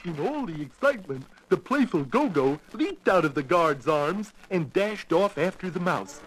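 An actor playing a friendly cartoon gorilla babysitter who tells a children's bedtime story in an expressive, folksy manner, with music behind him. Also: male voice, sits high, moderate pace, a little hiss or hum, poor audio. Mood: storytelling. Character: friendly pet-shop gorilla babysitter telling a bedtime fairy tale. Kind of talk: animated children's storybook narration.

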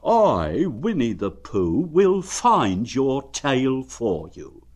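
A man's voice: medium pitch, huge pitch swings, extremely slow, darkish tone, slightly rough, pitched above the performer's own voice, exaggerated voice. A man voicing a kindly, well-meaning teddy bear in a storybook reading, earnest and eager to help.

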